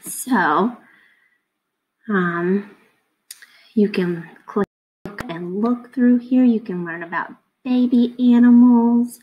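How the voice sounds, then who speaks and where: Recorded at a computer indoors via webcam screen capture, a woman in her thirties teaches children in a casual read-aloud lesson, explaining simply and asking her young listeners questions. Her voice is medium-pitched and darkish, and the recording is rough.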